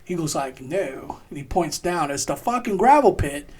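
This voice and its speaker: A man casually telling a rowdy army story on a podcast, swearing often and laughing as he acts out shouted quotes. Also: a little high, animated, moderate pace, slight background noise. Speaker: podcast co-host, army veteran.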